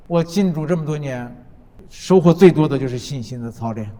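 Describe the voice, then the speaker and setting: A man preaching a sermon as pastor, building points through rhythmic repetition and dropping from loud declarations to soft, low asides. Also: brisk. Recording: long reverb of a large hall.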